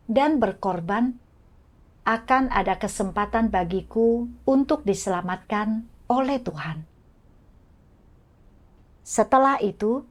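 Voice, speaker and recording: A woman narrating a devotional testimony, her voice sitting a touch high. She reads at an unhurried, deliberate pace, evenly and carefully, as scripted narration. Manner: slow, measured, even reading. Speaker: reader of faith testimonies.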